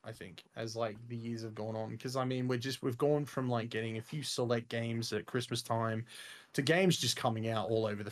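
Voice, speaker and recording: A young man chats on a podcast in a mid-pitched voice. He rambles eagerly, piling on fillers like "like" and "freaking". His delivery is loose and unscripted. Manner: enthusiastic, rambling, says "freaking" and "mate" a lot. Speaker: podcast co-host. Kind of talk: casual chat.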